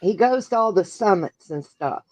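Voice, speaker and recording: A woman hosting a casual live chat, talking in a homey, drawn-out way. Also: medium pitch, animated, darkish tone, no room sound, rough recording. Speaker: livestream host.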